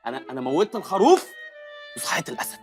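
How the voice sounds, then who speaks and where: Brief: a fast-talking, stammering Egyptian comic husband with a lively delivery. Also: male voice, a little high, faint music behind. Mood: boastful. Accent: Egyptian Arabic. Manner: stammering, mumbling asides. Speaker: comic actor. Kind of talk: comedy film acting.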